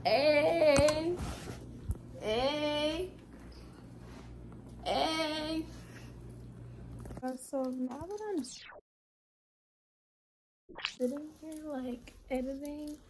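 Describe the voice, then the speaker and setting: A woman's voice: high-pitched, fairly even intonation, takes it slowly, long pauses, warm tone. A young woman vlogging on her phone camera in a rambling, chatty way, with lots of fillers. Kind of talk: casual vlog chat. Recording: noisy phone recording.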